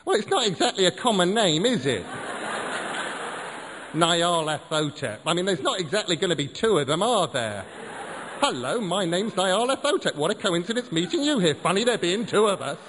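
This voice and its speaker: A man puts on a blustering cult acolyte who rants over his pint. His voice climbs high and lively as he gets worked up. The reading carries a long room echo over a faint hum. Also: normal speed. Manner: blustering, indignant and matter-of-fact. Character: loud ranting middle-aged male pub acolyte.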